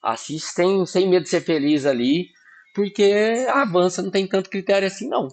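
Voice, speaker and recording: Higher-voiced teacher, chatty. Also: male voice, fairly quick. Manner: informal, checks in with frequent tag questions; sounds out words syllable by syllable. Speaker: Portuguese teacher. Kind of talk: online exam-prep lesson.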